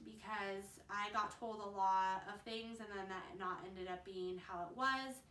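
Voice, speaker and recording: A young woman, a mother of twins, talking fast and earnestly to camera in a casual advice vlog. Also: medium pitch, a bit bright, a little hiss or hum. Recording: roomy, slightly distant mic.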